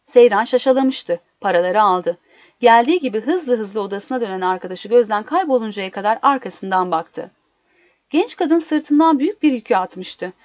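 A woman narrating a story in an expressive, dramatic reading, in a dull lo-fi recording. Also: fairly high pitch, moderate pace, no echo. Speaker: reader.

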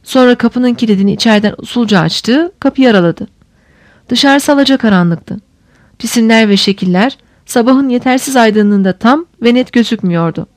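A woman reading a novel aloud in steady, measured audiobook narration. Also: fairly high pitch, no room sound.

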